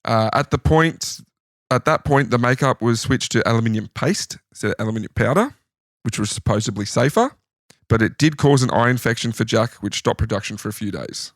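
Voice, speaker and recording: A man's voice: mid-range voice, fairly quick, no room sound, studio quality. An Australian man co-hosting a podcast, casually telling trivia stories from his notes. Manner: storytelling, recounting trivia from notes. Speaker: podcast co-host. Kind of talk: casual chat.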